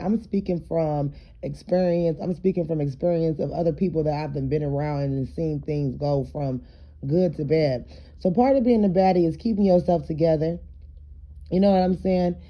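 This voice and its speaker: A woman with a raspy, slightly hoarse, lowish voice chats casually with her followers in a home vlog while doing her hair. She sounds loose and streetwise, full of fillers, and her throat is congested. The audio is dull.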